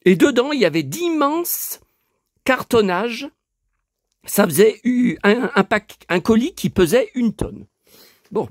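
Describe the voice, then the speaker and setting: He speaks slowly yet animatedly in a very high-pitched voice. The speaker, a collector vlogger in his 50s, is congested from a lingering cold and has a dry mouth, and his casual monologue to viewers wanders with frequent hesitations and restarts. The sound is clean studio audio with no room sound.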